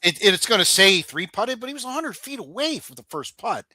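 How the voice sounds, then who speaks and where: A man hosting a casual sports talk show, recapping results in a relaxed, conversational way with fillers, over a podcast microphone. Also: sits high, fairly quick, dry recording.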